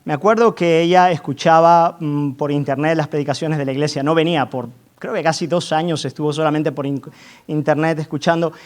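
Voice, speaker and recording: A man's voice: fairly high pitch, fairly even intonation, fairly quick. A male pastor preaching a sermon with fervor, building to emphatic peaks, often asking the congregation to agree, and repeating words as he restarts. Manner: fervent, rising to emphatic climaxes, asks the congregation for affirmation.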